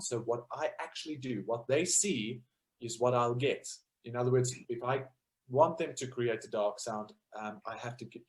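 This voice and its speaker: Here a man speaks in a mid-range, darkish voice. He's giving an informal choral music lecture with sung demonstrations, explaining step by step and thinking aloud with lots of fillers.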